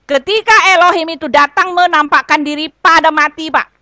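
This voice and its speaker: Earnest high-voiced woman debating online. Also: fairly even intonation, a little fast, sharp tone, no echo. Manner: earnest, explaining, repeats "Pak" and "gitu loh". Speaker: debate panelist answering a question. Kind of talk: online debate on Bible verses.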